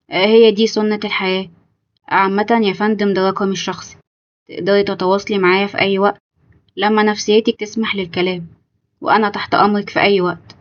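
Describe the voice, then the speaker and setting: A woman's voice: mid-range voice, muffled recording, natural voice. A woman with an Egyptian accent voicing a scheming young male fiancé who talks politely, reassuringly and formally. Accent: Egyptian Arabic.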